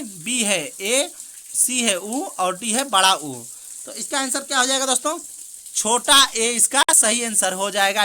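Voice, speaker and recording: Woman, exam prep teacher, quick quiz reading, bright voice, fairly high, rain behind. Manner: quick, repeats "theek hai doston" often. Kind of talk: reading out mock test questions and answers. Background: rain heard in the background.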